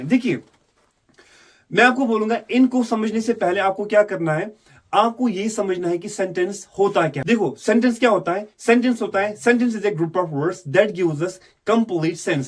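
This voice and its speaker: High-voiced man teaching English grammar. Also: brisk. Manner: explains step by step, asks and answers his own questions; mixes Hindi with English phrases. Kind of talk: online grammar lesson.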